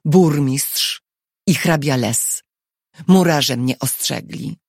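A tense, determined husband from a storybook, read by a woman speaks in clipped, urgent phrases. The voice is husky and gravelly, slow, with a dry, close sound. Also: very deep voice, darkish tone, no room sound, exaggerated voice. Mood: tense, firm. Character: tense, resolute husband accused of treason.

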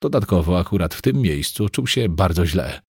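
Male audiobook narrator: very low and husky, lively intonation, dry close sound. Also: dry recording. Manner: measured, dramatic storytelling.

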